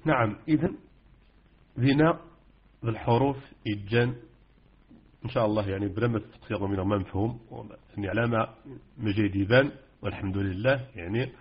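Moroccan guy teaching recitation rules, kinda husky voice, keeps going "aah", dull lo-fi sound. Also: fairly low pitch, fairly quick, pauses often. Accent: Moroccan Arabic. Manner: hesitant, many fillers and repetitions. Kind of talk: informal rules lesson with students.

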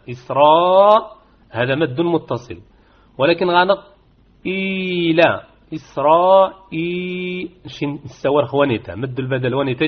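A man teaches recitation over a video call, repeating example words slowly. His voice sits a bit high and sounds husky. The audio is dull and lo-fi. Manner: repeats key words and stretches them slowly to demonstrate. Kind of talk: online tajweed lesson.

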